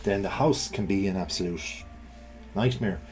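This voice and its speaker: A man's voice: low voice, normal speed, faint music behind. A middle-aged man presenting an informal explanatory talk, conversational, often checking in with the listener. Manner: conversational, rhetorical check-ins.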